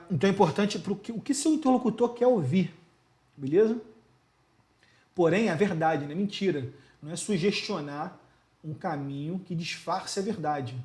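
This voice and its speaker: A man's voice: high-pitched, darkish tone. A Brazilian man teaching a casual video lesson, emphatic and slangy, who gestures constantly and keeps asking rhetorical questions. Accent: Brazilian Portuguese. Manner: gestures constantly while talking.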